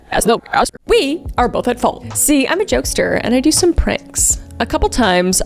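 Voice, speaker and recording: A woman's voice: mid-range voice, gravelly. A woman host reading online posts aloud and breaking in with sarcastic, joking commentary. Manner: sarcastic asides, jokes at the writers. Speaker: comedy video host.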